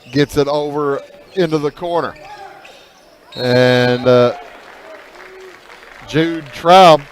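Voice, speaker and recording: A man calling a high school basketball game play by play, measured with filler pauses, lifting his voice on big plays. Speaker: play-by-play announcer.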